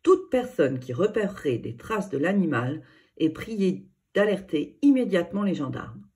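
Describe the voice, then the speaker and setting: A woman's voice: on the low side, sing-song, moderate pace, mellow, breathy edge, exaggerated voice. A woman reading a storybook, voicing a formal radio news presenter with an emphatic, announcing delivery.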